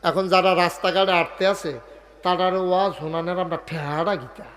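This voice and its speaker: A man's voice: high-pitched, steady tone, normal speed, a bit bright. A man preaching a humorous sermon over a microphone at a religious gathering, drawing call-and-response from the crowd.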